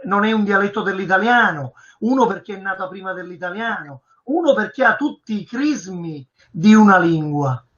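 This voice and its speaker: A man's voice: high-pitched, pushed and bright. A man with a Sicilian accent discussing as a talk show guest, repeating himself for emphasis as he searches for words. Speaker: guest speaker. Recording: dull, lo-fi sound.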